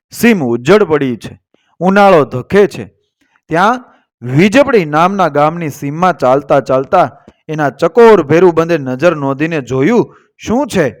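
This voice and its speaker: A man narrating a moral story as the channel's storyteller, reading steadily with dramatic emphasis. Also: fairly high pitch.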